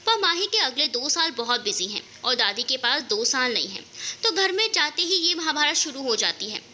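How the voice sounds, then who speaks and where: A woman's voice: high voice, very animated, moderate pace, bright, forceful tone, a little hiss or hum, exaggerated voice. A woman voicing a harried young husband. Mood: complaining. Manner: complaining, flustered. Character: young married man, harried and defensive.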